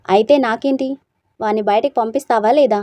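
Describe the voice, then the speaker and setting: A woman's voice: on the high side, fairly even intonation, brisk, no echo, close to an everyday voice. A woman reading a story aloud, voicing a bewildered, hot-tempered young husband who snaps defensively. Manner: sharp, defensive.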